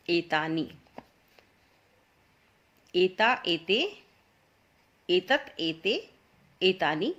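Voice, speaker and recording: Slow, patient woman teacher. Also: medium pitch, fairly bright tone. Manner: patient, repeats each word slowly for students. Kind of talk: explaining a school lesson.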